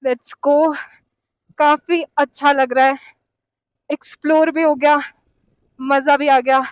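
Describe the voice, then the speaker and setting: Chatty high-voiced pahari woman vlogging. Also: slow, dry recording, muffled recording. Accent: Pahari-tinged Hindi. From Himachal Pradesh, India. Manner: chatty and excitable, addressing viewers directly. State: short of breath at altitude. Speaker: solo motorcycle travel vlogger. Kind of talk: casual travel vlog to camera. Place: outdoors on a snowy mountain pass.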